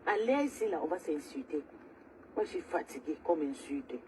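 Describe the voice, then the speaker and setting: Angry lady ranting on a phone livestream, loud noise behind. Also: sits low, very animated, moderate pace, rough recording. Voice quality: agitated, loud, repetitive ranting. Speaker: live streamer. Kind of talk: angry social media livestream rant.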